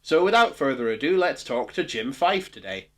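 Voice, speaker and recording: A man hosting an interview, eager and chatty, laughing often and filling pauses as he talks over a video call. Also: mid-range voice, very animated, music in the background. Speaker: host. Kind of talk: friendly narration and casual video call.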